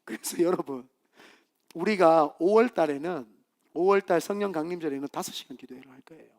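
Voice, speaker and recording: A man's voice: fairly high pitch, a little fast. A man, preaching a sermon as pastor and acting out the voices in the stories he tells. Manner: animated storytelling, acting out voices in quotes. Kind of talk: Friday evening sermon.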